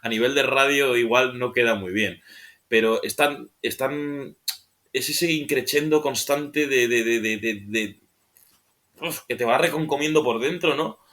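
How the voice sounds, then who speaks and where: A man's voice: mid-range voice, unhurried, pushed and bright. A man on a film podcast talking off the cuff, rambling and searching for words, often ending phrases with a questioning tag. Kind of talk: casual film discussion.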